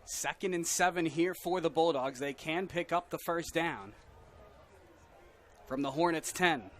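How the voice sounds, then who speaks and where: A man's voice: a little high, unhurried. An American man giving live play-by-play commentary on a football game. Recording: faint outdoor background noise.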